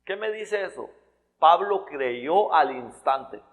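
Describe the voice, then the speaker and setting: A man's voice: on the high side, animated, takes it slowly. A man preaching a sermon in a church hall, in a conversational style full of restarts and repeated words.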